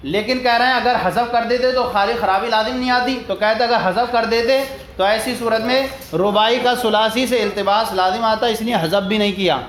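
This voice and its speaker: A man's voice: sits high, steady tone, few pauses, a bit bright. A man teaching a religious studies lesson. He explains a text line by line, asks questions and answers them himself, and repeats his points. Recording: echoey room with faint background noise.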